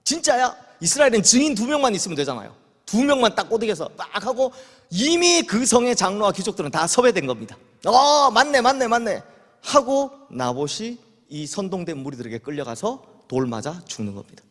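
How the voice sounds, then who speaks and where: Korean pastor guy preaching, high lively voice, lots of church hall echo, acts out the quotes. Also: brisk. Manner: animated storytelling, acting out quoted voices. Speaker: senior pastor. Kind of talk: sermon. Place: church sanctuary. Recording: long church hall reverb.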